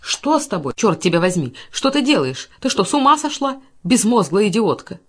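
Casting: a woman doing a furious, domineering man, barking hoarse commands, audiobook. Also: mid-range voice, sing-song, moderate pace. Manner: shouting orders, rough and hoarse. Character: powerful enraged man, harsh and commanding.

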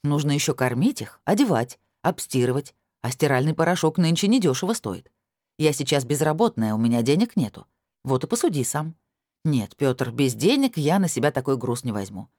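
A woman's voice: low-pitched, big pitch swings, fairly quick, darkish tone, no echo, studio quality. A woman reading an audiobook voices its indignant first-person heroine, scolding and listing her demands in a raised voice. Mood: businesslike. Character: sharp-tongued indignant woman bargaining hard.

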